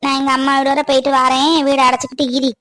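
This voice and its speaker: A woman's voice: sits high, monotone, fast talker, fairly bright tone, poor audio. A woman voicing a strict, fault-finding middle-aged stepmother in a cartoon, speaking sharply. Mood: scolding. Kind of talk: cartoon voice acting.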